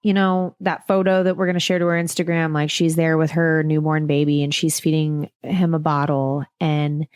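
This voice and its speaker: A woman co-hosting a podcast, reading a true-crime story from a script and breaking off into casual, jokey asides. Her voice sits on the low side, and the close mic gives a dry sound with no room. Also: little pitch movement, moderate pace, hardly any pauses, darkish tone, smooth, no room sound. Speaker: podcast co-host.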